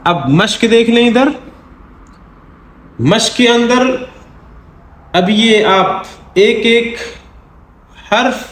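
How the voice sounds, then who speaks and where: A man's voice: extremely high pitch, fairly bright tone, roomy sound. A man teaching Quran reading in an online lesson, patiently spelling out letters and their vowel sounds and often checking that the learners follow. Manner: patient, repeats drills slowly and checks with "theek hai?".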